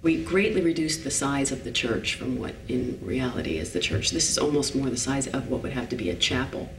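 A woman in her forties, a set designer, talks thoughtfully in a behind-the-scenes interview, pausing to find her words as she describes the space. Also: a bass voice, lively intonation, a little hiss or hum. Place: indoor studio set, large interior. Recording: roomy echo, voice from a distance.

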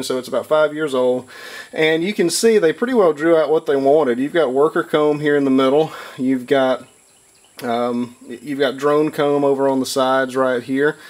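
A man in his thirties giving a relaxed, hands-on beekeeping lesson in a wood-paneled workshop, talking plainly with frequent fillers. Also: medium pitch. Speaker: beekeeper and channel host. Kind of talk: hands-on instructional talk.

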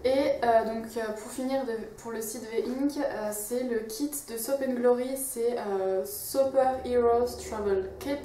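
A woman's voice: a little high, a little slow, few pauses, mellow. A young woman vlogging about her wishlist in a casual, chatty way, with lots of fillers and restarts. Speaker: beauty vlogger. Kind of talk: casual chat to camera. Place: home office and living room. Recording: echoey room, mic a bit far, faint hiss.

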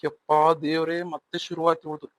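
Man playing bossy cartoon husband, fast-talking and stern. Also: on the high side, monotone, dry recording, lightly acted. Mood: scolding. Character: young husband, stern and impatient. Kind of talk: cartoon voice acting.

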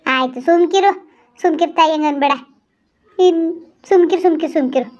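A woman playing a village landlady who scolds and hushes a crying tenant, speaking in an amateur village skit. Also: extremely high pitch, a little fast, dull audio. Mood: soothing. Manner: chiding, repeats hushing words.

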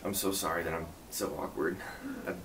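A man in his twenties playing a shy, awkwardly flirting guy in a role-play, halting as he nervously laughs off his awkwardness. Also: low-pitched, fairly even intonation, close to an everyday voice. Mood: self-deprecating, nervous. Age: 20s. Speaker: solo role-play performer. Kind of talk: spoken role-play to the listener, casual small talk. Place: indoor room at home. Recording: distant mic, clearly noisy room.

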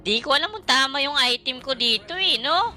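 A woman streamer narrating her gameplay live, swearing freely and trash-talking her opponents. Her voice is very bright and sits a little high. Soft game music plays behind her. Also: animated, normal speed. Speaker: gaming streamer.

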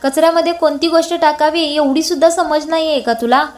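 A woman voicing a stern middle-aged mother who scolds and commands, in a high voice. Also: fairly even intonation, brisk, lightly acted. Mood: scolding.

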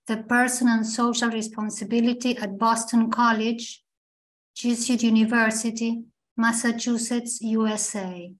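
Hoarse woman presenter, fairly high voice, formal bio read with hesitant self-corrections. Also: low-quality recording. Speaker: presenter introducing the guest speaker. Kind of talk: formal introduction, reading a bio aloud.

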